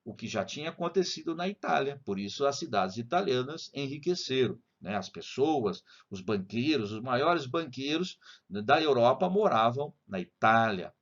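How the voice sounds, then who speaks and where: A man's voice: mid-range voice, expressive, normal speed, lo-fi sound. A man with a Brazilian accent teaching a casual video lesson on literature, explaining in a chatty way with frequent tag questions. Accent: Brazilian Portuguese.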